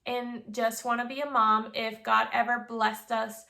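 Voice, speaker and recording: A woman's voice: on the high side, flat delivery, a little slow, vocal fry, sharp tone. A woman in her twenties from Venezuela, chatting casually to camera as a vlogger, bubbly with playful asides. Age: 20s.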